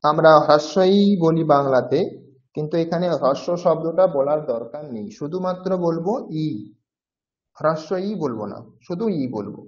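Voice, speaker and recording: In a roomy, dull-sounding recording, a man teaches a language class. His voice sits on the high side and moves at a moderate pace as he patiently explains and repeats each sound several times to demonstrate it in this classroom lecture.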